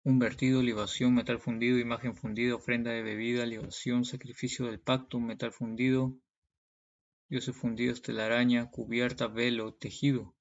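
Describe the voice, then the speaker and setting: At a normal speed, a Peruvian Bible teacher and preacher works through scripture verse by verse, explaining it in a gravelly, creaky voice that stays fairly flat and mid-pitched. He teaches didactically, regularly tossing in check-in tags like "okay" and "right." The recording is dull and lo-fi.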